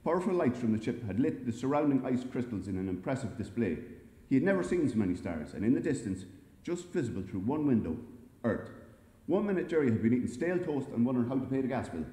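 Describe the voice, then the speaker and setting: A man reading a humorous story aloud to a live audience in a wry, lively way, recorded in an echoey library hall. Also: medium pitch, fast talker. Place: library event space.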